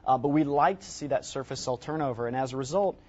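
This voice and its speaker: A man's voice: medium pitch, fast talker, darkish tone, slight background noise. A man in his thirties explaining a product emphatically as an expert guest on a home shopping show, repeating words for stress. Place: TV studio set, indoors. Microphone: lapel mic. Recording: slightly dull lo-fi broadcast audio.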